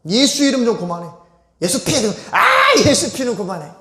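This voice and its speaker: Brief: sneering mocking demon, as a male preacher puts it on, high and pushy, echoey church sound. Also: animated, moderate pace, a crowd in the background. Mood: pleading. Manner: sneering, taunting. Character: taunting mocking demon, later begging.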